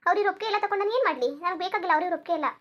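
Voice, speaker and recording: In lo-fi Kannada cartoon voice acting, a woman gives a clingy young lovesick character a very high, slightly bright, racing voice. She pleads in desperation and insists by repeating herself.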